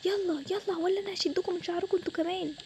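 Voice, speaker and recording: A woman's voice: very high-pitched, fairly even intonation, rapid-fire, background noise. A young woman voicing a strict, short-tempered mother who scolds and threatens her children, speaking with an Egyptian Arabic accent. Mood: threatening. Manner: scolding, loud, harsh. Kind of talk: storytelling with toy game figures.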